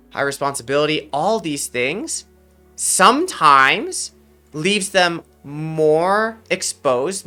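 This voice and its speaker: A man's voice: fairly high pitch, pushed and bright. A man streaming live as an esports mental coach, earnest and explanatory, with a slightly sick voice as he talks to his chat. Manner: earnest, explanatory, repeats phrases for emphasis. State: under the weather, slightly sick voice. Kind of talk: livestream talk to chat.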